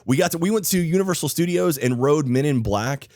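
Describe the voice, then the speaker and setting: A man's voice: fairly high pitch, expressive, fairly quick, a little mellow, dry recording, studio quality. A man hosting a podcast in a casual, chatty, enthusiastic way, his voice slightly off because he is sick. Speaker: podcast host.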